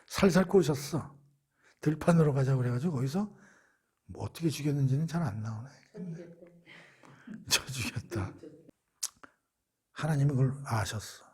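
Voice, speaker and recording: A man's voice: mid-range voice, a little fast, dark tone, slightly rough. A man giving a Bible study lecture, asking rhetorical questions and answering them himself in a conversational way. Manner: conversational, acts out quotes.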